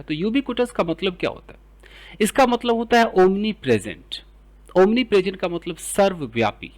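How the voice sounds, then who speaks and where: A man with an Indian English accent teaching English words, explaining in Hindi and reading example sentences slowly. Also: a little high, darkish tone. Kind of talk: vocabulary lesson.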